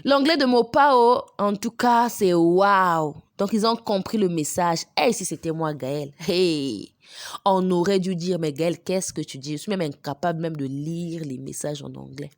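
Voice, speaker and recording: A woman's voice: on the low side, unhurried, no room sound. A woman hosting a celebrity news channel, chatting casually with many fillers as she reads fan comments aloud and translates them.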